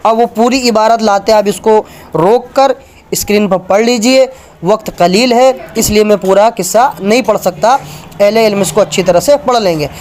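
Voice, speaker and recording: Casting: high-pitched man, polemical preacher reading from books, faint room hiss. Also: normal speed, darkish tone. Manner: argumentative, points at book pages for viewers. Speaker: religious speaker.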